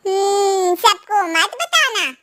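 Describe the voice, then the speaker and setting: A woman plays a meddling older neighbour aunty in a cartoon, full of knowing warnings. The voice sits very high, and every warning carries an air of secrecy. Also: very animated, takes it slowly, sharp tone, full character voice. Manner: knowing, cautionary. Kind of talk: cartoon voice acting.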